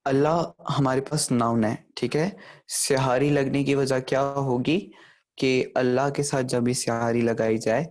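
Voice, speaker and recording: A man teaching the pronunciation of scripture in a recorded lecture, explaining slowly and repeating each word. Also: mid-range voice, a little mellow. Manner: explains slowly, repeats words, often asks "theek hai". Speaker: Gurbani grammar teacher.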